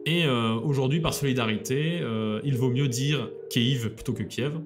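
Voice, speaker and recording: A man's voice: mid-range voice, moderate pace, music in the background. A man co-hosting a casual podcast, presenting a city guide in a hesitant way with many fillers, dropping in dry jokes. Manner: hesitant, lots of fillers and restarts; dry joking asides.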